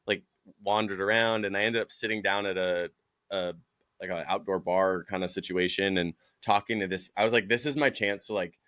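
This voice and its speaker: A man's voice: deep voice, a little fast, dry recording. A man from New Jersey, a running coach and podcast guest, telling stories casually, acting out quotes and saying "like" a lot. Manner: animated storyteller, acts out quotes, says "like" a lot. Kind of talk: casual chat.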